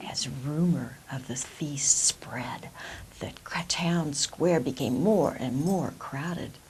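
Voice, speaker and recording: A woman telling a folk tale expressively, with dramatic, deliberate phrasing. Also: deep voice, a little mellow, low-quality recording. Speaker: storyteller. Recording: clear background hiss.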